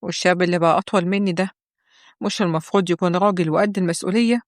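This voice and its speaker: A woman's voice: fairly low pitch, fairly even intonation, racing, no echo, studio quality, lightly acted. A woman with an Egyptian accent voicing a sulky, defensive teenage boy in a told story. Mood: defiant. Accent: Egyptian Arabic. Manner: sulky, protesting.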